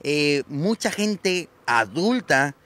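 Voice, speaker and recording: A clown in his thirties, born in Colombia and raised in Mexico, chats as a guest in a relaxed, slangy way on a sunny seaside street. His slightly high voice is very slow, captured by the interviewer's handheld microphone.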